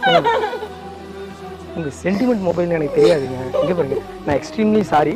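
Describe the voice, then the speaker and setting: A man's voice: a little high, very animated, moderate pace. A man hosting a prank video, coaxing and apologizing over and over with nervous laughs. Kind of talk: casual pleading apology. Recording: loud background music.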